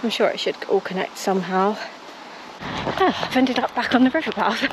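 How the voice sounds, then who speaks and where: Recorded amid noisy outdoor sound, this is a British woman's casual vlog chat while she runs on trails. She speaks at a normal pace in a medium-pitched voice.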